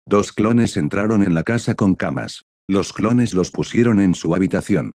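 A man narrating a fan fiction story in an even, matter-of-fact reading. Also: fairly low pitch, normal speed, no room sound, studio quality.

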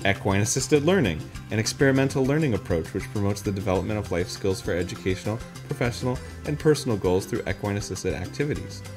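Guy streaming a game, swears a lot, goes from chill to squeaky yelling, faint game music behind. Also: quick pace, few pauses. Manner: excitable, profane, swings into loud high-pitched yelps. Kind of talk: live gameplay commentary.

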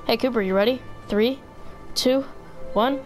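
A woman casually chatting while she plays a video game, playful and excitable, thinking out loud. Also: a little high, measured pace, soft background music. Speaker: gameplay player. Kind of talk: casual let's play chat.

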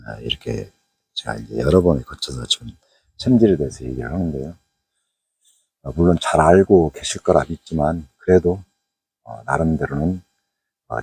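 Very deep-voiced man with a Jeolla accent. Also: warm tone, breathy edge, no echo. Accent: Jeolla Korean dialect. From Jeolla province, Korea. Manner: rambling, chatty, frequent "eo" fillers. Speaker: fishing YouTuber. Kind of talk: casual fishing vlog narration. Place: outdoors at a waterway at night.

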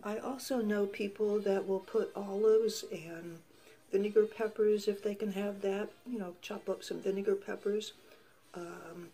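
A woman hosting a home cooking show, chatting casually to the camera as she tastes her food. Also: mid-range voice. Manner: relaxed, chatty, tasting food while talking.

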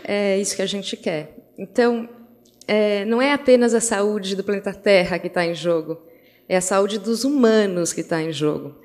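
A middle-aged Brazilian woman giving an opening speech, telling stories about her daughters with lively acted-out voices and many restarts. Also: mid-range voice, normal speed. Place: event hall. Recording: long hall reverb.

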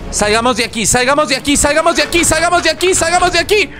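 A young Mexican man commentates a video game in a very high voice that leaps up and down. He is dramatic and easily panicked, repeating himself and breaking into yells. Music plays clearly behind him. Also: animated, fast talker. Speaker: gaming YouTuber. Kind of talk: excitable gameplay commentary. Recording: music under the voice.

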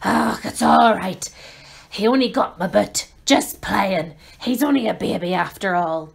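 A big, soft-hearted gamekeeper speaks gruffly but tenderly in a storybook reading, put on by a woman. His timbre differs from the reader's own, and he doting over his pet. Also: medium pitch, measured pace, exaggerated voice. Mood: reassuring.

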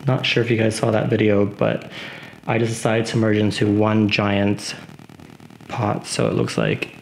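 A man's voice: lowish voice, creaky, slight background noise, poor audio. A man giving a casual tour of his houseplants at home, rambling with lots of fillers. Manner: relaxed, unhurried. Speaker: plant vlogger.

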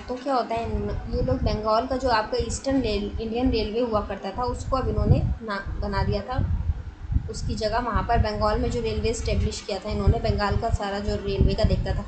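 A woman's voice: mid-range voice, heavy background noise. A woman giving an explanatory online coaching lecture, addressing students directly, asking them questions and mixing English words into her talk. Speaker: exam coaching teacher.

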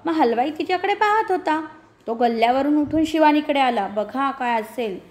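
Woman teacher reading a story to kids, high voice, keeps asking questions and repeating the answers. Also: lively intonation, normal speed, a little mellow. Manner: gives step-by-step page instructions. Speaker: primary school teacher. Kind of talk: reading a textbook story to a class.

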